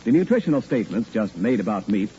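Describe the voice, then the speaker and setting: A man's voice: on the low side, very animated, fast, warm tone, slight background noise. A man announcing a 1940s radio programme and reading its sponsor message. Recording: dull 1940s radio, faint music behind.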